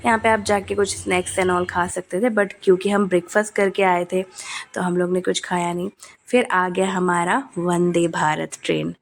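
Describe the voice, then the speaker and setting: A woman's voice: on the low side, little pitch movement, normal speed, a little hiss or hum. Chatty woman vlogger with a cold. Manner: chatty, many hesitation fillers. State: coughing, has a cold. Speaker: family vlogger. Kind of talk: casual vlog narration.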